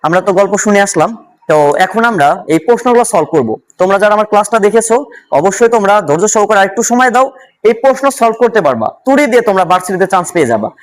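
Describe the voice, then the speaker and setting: A man with a Bangladeshi Bengali accent runs an exam-prep vocabulary lesson. His voice sits a little high for a man. He drills words by asking a question and answering it himself. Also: fast talker. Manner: louder and more animated when solving questions. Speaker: vocabulary teacher.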